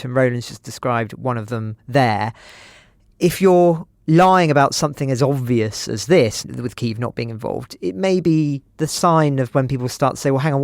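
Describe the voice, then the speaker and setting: A man's voice: mid-range voice, vocal fry, no room sound, studio quality. A man speaking as a podcast commentator, reflective and analytical. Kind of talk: podcast discussion.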